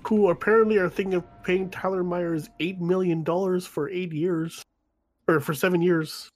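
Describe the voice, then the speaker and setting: A man's voice: high voice, steady tone, moderate pace. A man, co-hosting a casual podcast chat in an easygoing way. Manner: easygoing, laid-back. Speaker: podcast co-host.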